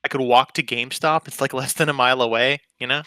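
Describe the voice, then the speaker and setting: A man's voice: medium pitch, fairly even intonation, fast, sharp tone. A young man co-hosting a podcast, chatting casually in a rambling, profane, laid-back way. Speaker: podcast co-host. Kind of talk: casual chat.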